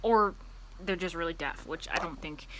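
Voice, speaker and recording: A woman with a fairly low voice rambles casually, as if to a camera, drifting from one aside to the next. She is outside by a busy street, with faint traffic and ambient noise around her. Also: normal speed, a bit bright, low-quality recording. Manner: easily distracted, drifting between asides. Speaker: vlogger. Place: outdoors in a yard beside a loud street. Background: passing vehicles and outdoor ambience.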